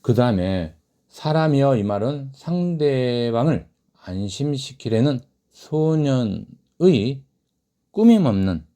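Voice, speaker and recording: Lecturing on a short story, this literature teacher reads quotations aloud in a raised voice and answers his own questions to the class. He has a fairly low, warm voice.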